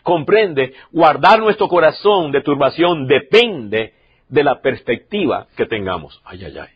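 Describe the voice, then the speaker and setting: A man in his sixties preaching a sermon as pastor, swinging from loud, emotional preaching to soft, quiet stretches. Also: a little high, sing-song, unhurried, slightly rough, dull audio.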